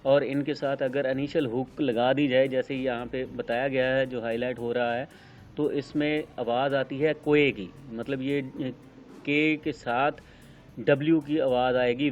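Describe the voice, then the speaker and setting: Brief: Pakistani male tutor, even monotone delivery, slow step-by-step explanation, dull lo-fi recording. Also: mid-range voice. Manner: unhurried, explains step by step with many pauses and fillers. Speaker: shorthand teacher. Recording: dull lo-fi sound with faint noise.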